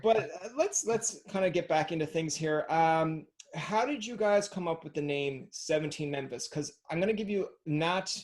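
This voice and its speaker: A man's voice: fairly high pitch, normal speed, hardly any pauses. A man hosting a casual podcast interview over a video call. He jokes and acts out little scenes. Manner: jokey, animated storyteller who acts out quotes. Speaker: podcast host.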